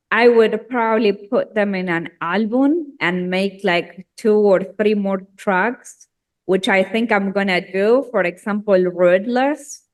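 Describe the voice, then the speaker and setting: Slow-talking, laughing Argentine-born woman. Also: mid-range voice. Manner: chatty, laughs often, slow and unhurried. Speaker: singer-songwriter guest. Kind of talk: casual interview chat.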